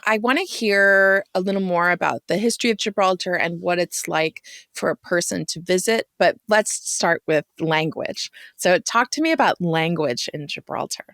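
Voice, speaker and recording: A woman's voice: fairly low pitch, normal speed, hardly any pauses, fairly bright tone, no echo, studio quality. A woman hosting a podcast interview, asking questions with enthusiasm. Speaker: podcast host. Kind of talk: casual interview chat.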